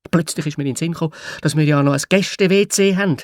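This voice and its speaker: A man's voice: on the high side, fast talker, no echo. A man with a Swiss German accent narrating a children's audio story in a playful, childlike first person. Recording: dry studio read with soft music.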